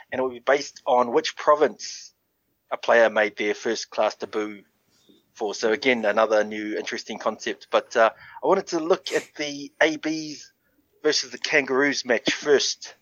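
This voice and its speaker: A man hosting a casual rugby podcast in a matey, relaxed way. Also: mid-range voice, normal speed, dry recording. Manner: relaxed, matey, calls guests brother. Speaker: podcast host. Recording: dull lo-fi audio.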